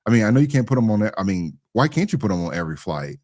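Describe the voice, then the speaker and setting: A man's voice: on the low side, very animated, rapid-fire, darkish tone, no room sound, studio quality. A man giving casual, opinionated commentary as a co-host, slangy and rambling, often repeating his phrases. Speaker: talk show co-host.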